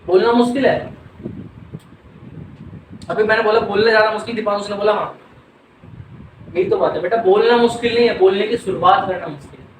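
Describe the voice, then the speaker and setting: High-voiced Indian man teaching a class. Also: brisk, long pauses, echoey room, far from the mic, a little hiss or hum, low-quality recording. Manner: animated, drills words and asks students questions. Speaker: English teacher. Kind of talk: classroom teaching, mixing Hindi and English.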